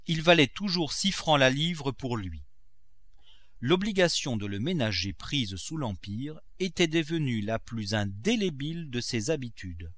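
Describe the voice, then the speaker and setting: Male audiobook narrator, measured and clear, bright voice, dry sound. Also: mid-range voice, expressive, dry recording. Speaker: audiobook reader.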